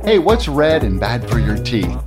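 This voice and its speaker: A man's voice: mid-range voice, very animated, normal speed. A man hosting a casual podcast who chats, laughs often and tells jokes. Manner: giggly, joke-telling. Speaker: podcast host. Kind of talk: casual chat. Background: music.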